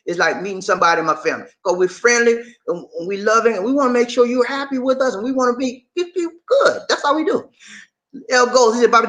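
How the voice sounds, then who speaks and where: A man's voice: high voice, pushed and bright. A man from Charleston with a Southern Gullah Geechee accent, chatting casually to livestream viewers in a folksy, colloquial way and often repeating his phrases. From Charleston, South Carolina, USA. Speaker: livestream host.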